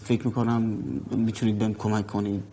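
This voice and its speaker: A man's voice: on the low side, level tone, warm tone, husky. A tense young man in his twenties. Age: 20s. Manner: tense and clipped, grows agitated. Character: young man fighting to hold his anger in. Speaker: narrator and lead character. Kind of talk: film voice-over narration.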